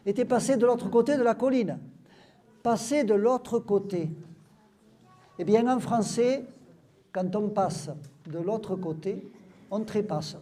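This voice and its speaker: A man's voice: very high-pitched, dark tone. A man reads lines aloud at a live event and explains each word to the audience, with frequent "hein?" and "voilà". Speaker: Occitan language presenter.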